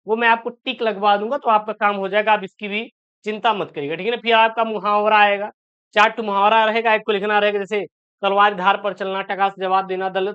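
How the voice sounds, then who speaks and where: A man teaching an exam-prep lesson, reassuring his students and repeating key answers slowly, often asking and answering his own questions. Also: high-pitched, pushed and bright, clean tone. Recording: dull lo-fi sound.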